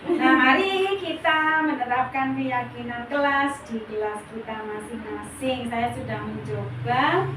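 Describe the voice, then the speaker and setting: A woman kindergarten teacher giving a workshop presentation to colleagues, explaining points in lists and acting out sample teacher lines. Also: on the high side. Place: school room. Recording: echoey room, mic far off, faint noise.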